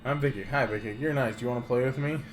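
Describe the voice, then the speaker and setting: A creepy toy doll from a video game, voiced by a man, speaks with childlike politeness and an eerie, too-calm friendliness. Music plays behind the words. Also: mid-range voice, racing, natural voice, rough recording. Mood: too calm, friendly.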